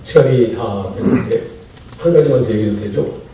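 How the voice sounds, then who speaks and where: Dark-voiced Korean pastor preaching in echoey hall. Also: male voice, mid-range voice, moderate pace, recorded from a distance, slight background noise. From Chungcheong, Korea. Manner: animated preaching with repeated key phrases and rhetorical questions. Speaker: guest pastor speaking at a pastors' seminar. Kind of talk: sermon-style lecture. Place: large church sanctuary. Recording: echoey church hall, mic from afar.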